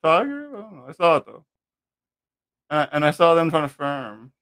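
A man's voice: a little high, brisk, a bit bright. A man co-hosting a casual chat show, rambling and stumbling over his words. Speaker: podcast co-host.

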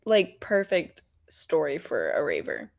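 A woman co-host with a gravelly, fairly low voice reacts to a guest in casual chat. Her pitch swings widely, and her remarks are playful. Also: wildly swooping pitch, unhurried.

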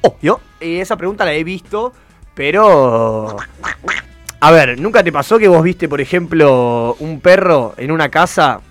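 A man with a Rioplatense accent hosting a radio show from the studio, loud and excitable, swearing casually. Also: fairly high pitch, unhurried, no room sound, faint music behind. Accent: Rioplatense Spanish. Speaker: radio host.

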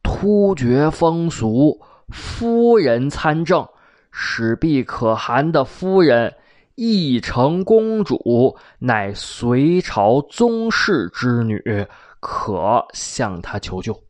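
A man voicing a scheming male palace eunuch who gives slow, measured, formal advice in a storytelling programme. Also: medium pitch, sing-song, a little mellow, no echo. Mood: confiding.

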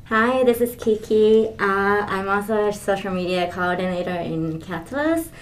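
A woman's voice: mid-range voice, moderate pace, echoey room, slight background noise, rough recording. A woman from Hong Kong chatting on a podcast, a little hesitant and adding short points. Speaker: social media coordinator. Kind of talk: casual podcast chat.

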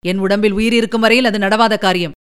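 A woman's voice: medium pitch, steady tone, fast talker, smooth, lightly acted. A woman voicing a loyal, spirited young male warrior who speaks earnestly and emphatically.

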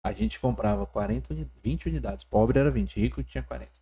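A woman's voice: a bass voice, lively intonation, fast talker, mellow, highs cut off. A woman co-hosting a podcast, bantering and teasing in casual chat.

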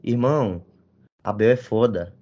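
A man's voice: fairly low pitch, unhurried. Slangy Brazilian man in dull lo-fi audio. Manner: slangy street talk, repetitive and insistent. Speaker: football podcast co-host. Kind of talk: casual football banter.

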